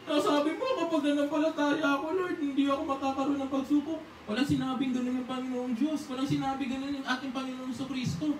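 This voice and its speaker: In an echoey church hall, a preacher delivers a sermon in a high, level voice, talking fast with hardly any pauses. The style is conversational, with repeated questions of "di ba?" and prayers acted out. The voice is picked up from far off, with a faint hiss on the recording.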